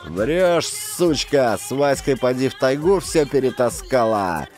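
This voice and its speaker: A man's voice: medium pitch, big pitch swings, a little slow, darkish tone, soft background music. A man voicing a gang of crude male convicts, with coarse sneering jeers. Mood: jeering. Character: rowdy crude male labor-camp convicts.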